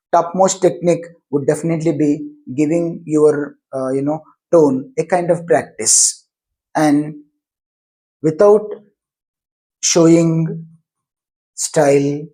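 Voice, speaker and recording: Male English teacher, Indian accent, mellow and slightly high voice, patient explainer stretching example words. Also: low-quality recording. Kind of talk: spoken grammar lesson.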